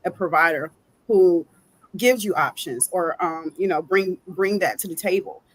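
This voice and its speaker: A woman panel guest on a video call, speaking haltingly with many fillers. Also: lowish voice, slightly rough, poor audio. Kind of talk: casual panel talk.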